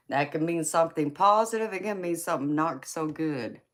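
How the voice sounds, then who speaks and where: A woman with a low, slightly bright voice and a Southern US accent hosts a relaxed livestream as a tarot reader. She reads viewer comments, answers chatters by name, laughs a lot, and calls everyone "baby."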